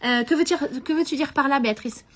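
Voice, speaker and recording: Woman, business coach, live stream, high-pitched, animated, mixes in English phrases. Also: fast talker.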